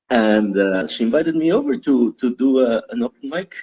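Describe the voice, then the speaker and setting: A Guatemalan stand-up comedian chats casually as an interview guest, rambling, laughing often, and poking fun at himself. His voice is medium in pitch, with background noise behind it.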